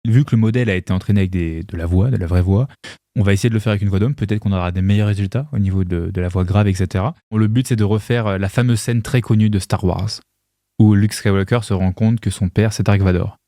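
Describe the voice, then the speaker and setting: A man co-hosting a podcast who talks casually, quickly and directly. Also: fairly low pitch, fairly even intonation, warm tone, no room sound, clean studio sound. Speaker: podcast co-host.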